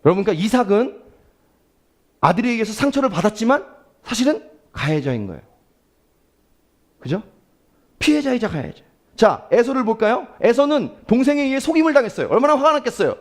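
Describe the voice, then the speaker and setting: A male pastor delivers a sermon with a high voice. His pitch swings widely as he asks the congregation questions and acts out the prayers he quotes. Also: big pitch swings, brisk, long pauses.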